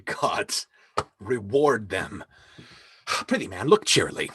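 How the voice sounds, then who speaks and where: An actor playing a lavish, generous nobleman facing ruin, speaking verse slowly and emphatically with a husky voice. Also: on the low side, sing-song, bright, forceful tone, no room sound, full character voice. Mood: commanding. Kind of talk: live online reading of a stage play. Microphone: home microphone on a video call.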